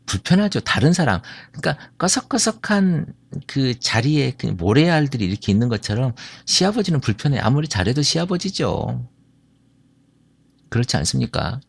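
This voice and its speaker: A man's voice: medium pitch, big pitch swings, normal speed, creaky, breathy edge, no echo. A middle-aged man from the Jeolla region speaks to an audience, telling stories and asking listeners questions. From Jeolla, South Korea. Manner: asks the audience questions, storytelling. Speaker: speaker on marriage and family. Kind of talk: talk to an audience.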